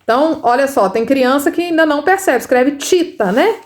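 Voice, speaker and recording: A woman teacher with a Brazilian Portuguese accent explaining children's literacy work in a casual lesson, chatty, full of tag questions, sounding out syllables slowly. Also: high-pitched, lively intonation. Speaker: first-grade literacy teacher.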